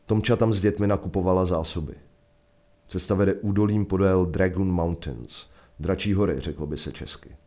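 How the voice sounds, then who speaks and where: A Czech man telling a first-person adventure story in a measured, vivid narration. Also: low-pitched, mellow. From Czech Republic.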